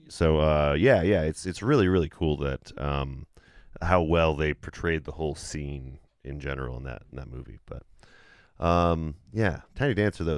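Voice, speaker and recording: A man's voice: very deep voice, no echo, clean studio sound. A man hosting a casual chat about a film soundtrack, laid-back, with lots of fillers and "yeah, yeah" agreements. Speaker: podcast host.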